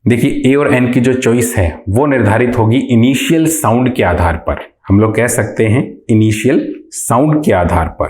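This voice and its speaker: A man teaching English grammar in a slow, deliberate way, answering his own questions and repeating key terms. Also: mid-range voice, lively intonation, darkish tone. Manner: asks questions and answers them himself. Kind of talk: explanatory lesson. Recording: echoey room.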